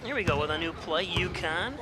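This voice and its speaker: Chatty high-voiced man calling basketball. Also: brisk, loud music behind the voice. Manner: chatty and joking, rising to excited calls on big plays. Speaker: play-by-play commentator. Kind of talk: local sports commentary. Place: high school gym. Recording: loud gym crowd noise. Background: loud crowd and bouncing basketballs.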